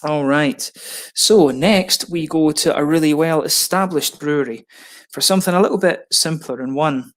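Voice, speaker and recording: A man's voice: on the high side, normal speed. A man giving casual unboxing commentary as a beer reviewer, chatty and rambling with frequent ums.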